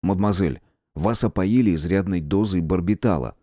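A man reading an audiobook, voicing a calm, formal gentleman detective with measured, courteous speech. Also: low-pitched, no echo, studio quality. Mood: firm. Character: calm, firm gentleman detective of old times.

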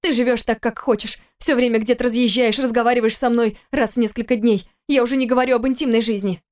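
A woman's voice: fairly high pitch, fairly even intonation, fast talker, a little mellow, pitched above the performer's own voice, natural voice. A woman voicing an agitated young wife. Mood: pleading. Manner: pleading, indignant, agitated. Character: young wife and mother, defensive, pleading. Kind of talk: audiobook character reading.

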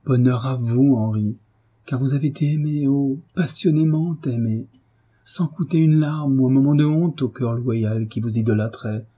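A man's voice: medium pitch, measured pace, mellow, husky. A man reading the part of a dying young mother, tender and devoted, in an audiobook. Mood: tender, sorrowful.

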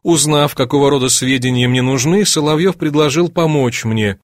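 A man's voice: a little high, moderate pace, dry recording. Man narrating an audiobook, dry sound. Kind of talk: scripted narration.

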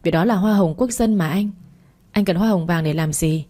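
Cheerful, shy young florist read by a woman, mellow low voice, light storybook read. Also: normal speed, lightly acted.

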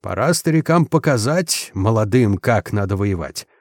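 A man's voice: on the low side, lively intonation, normal speed, no room sound. A man voicing a grey-haired old strategist who speaks weightily with dry humor. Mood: wry. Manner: weighty, wry.

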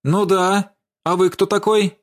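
A man voicing a quick-tongued, bustling young woman who chatters rapidly. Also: high-pitched, little pitch movement, pitched above the performer's own voice. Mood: defiant.

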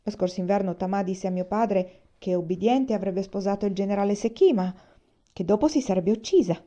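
A woman's voice: medium pitch, dark tone, close to an everyday voice. A woman reading as Bungi, a flustered young man. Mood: matter-of-fact. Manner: hurried, fretful. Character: nervous jovial young man, easily flustered.

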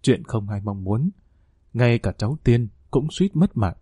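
A man voicing a gentle, grieving older father who speaks softly to console others. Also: medium pitch, lively intonation, a little slow, husky, no echo, clean studio sound. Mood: consoling. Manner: soft, consoling.

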